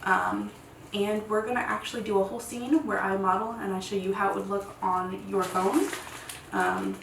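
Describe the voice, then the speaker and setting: A woman in her thirties giving a casual, rambling tutorial at home, chatty and quick to laugh. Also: mid-range voice, animated, creaky. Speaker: content creator teaching lighting. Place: home room set. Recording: echoey room, distant mic, faint hiss.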